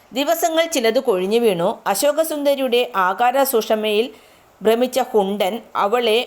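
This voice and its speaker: Woman telling myths in measured narration. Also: a little high. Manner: measured, literary. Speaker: storyteller. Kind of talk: scripted narration of mythic tales.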